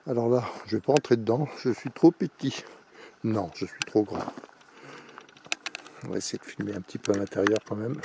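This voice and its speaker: A man out of breath, giving casual walking tour commentary outdoors at a mountain fort, exclaiming over the views and talking loudly over the wind into a camera mic. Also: fairly low pitch, steady tone, moderate pace, creaky, pauses often. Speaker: vlogger touring a fort. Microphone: handheld camera mic.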